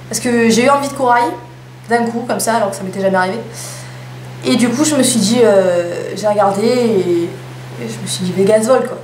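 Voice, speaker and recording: Young woman, casual haul chatter, playful asides, slightly high voice, roomy echo. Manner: chatty, self-mocking asides. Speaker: beauty vlogger. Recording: echoey room with faint hum.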